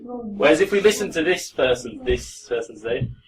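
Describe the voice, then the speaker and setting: A man teaching a pronunciation class, relaxed and full of fillers, slowing down to demonstrate words. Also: on the high side. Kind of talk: classroom lesson. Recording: distant mic with faint room noise.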